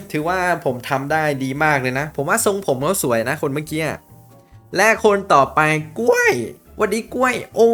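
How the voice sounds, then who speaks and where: A man giving animated, jokey commentary while playing a VR game, often addressing his viewers. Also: on the high side. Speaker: gaming YouTuber. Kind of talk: playful VR gameplay commentary.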